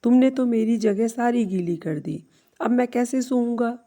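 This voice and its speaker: A woman voicing a quick-tempered grown son who complains irritably in a storybook tale. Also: a little high, warm tone, natural voice. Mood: irritated.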